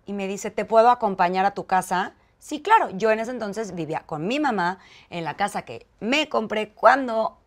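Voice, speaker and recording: Speaking at a normal speed with a medium pitch, a Mexican-accented woman guesting on an interview recounts a personal story. Her conversational storytelling is animated, and she performs the dialogue she quotes.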